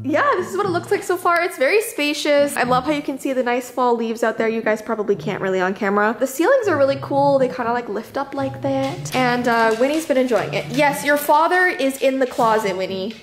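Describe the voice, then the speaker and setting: A woman's voice: high voice, fairly quick, few pauses, slight background noise. A young woman, chatting informally as she vlogs and tells stories in an echoey, sparsely furnished bedroom. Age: young adult. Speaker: vlogger. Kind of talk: casual vlog storytelling. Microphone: camera held or set at about arm's length. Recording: echoey, sparsely furnished room, music behind.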